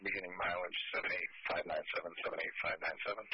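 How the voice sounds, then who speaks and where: A low, husky male voice comes through police radio, quick and clipped as he reels off mileage numbers. The sound is dry and muffled, like a handheld transmission. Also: flat delivery, no room sound.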